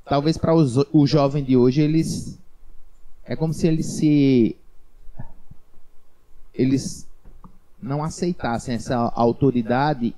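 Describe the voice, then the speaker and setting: Mellow-voiced teacher reminiscing. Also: male voice, medium pitch, poor audio. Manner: reflective, rambling with restarts. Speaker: dance teacher. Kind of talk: casual interview chat.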